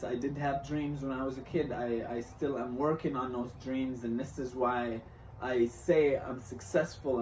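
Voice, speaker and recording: A young man from Syria talking through a reflective motivational vlog, halting and restarting often as he thinks aloud. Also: mid-range voice, darkish tone, recorded from a distance, a little hiss or hum. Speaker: vlogger. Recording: roomy echo, off-mic, faint ambience.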